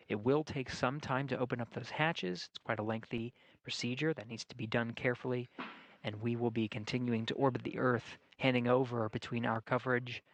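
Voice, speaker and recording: Measured male mission commentator, dry sound. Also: mid-range voice, a bit bright, no echo, rough recording. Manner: measured, formal, explanatory. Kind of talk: live broadcast commentary.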